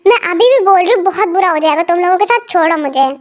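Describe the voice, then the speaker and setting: A woman's voice: extremely high pitch, expressive, fast. A woman voicing a feisty young female waiter who talks back sharply and defiantly.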